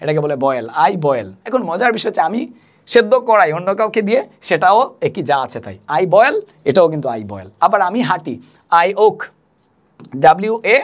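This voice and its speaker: Lively woman teaching English. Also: fairly low pitch. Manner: patient, repeats and spells out words. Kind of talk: spoken language lesson.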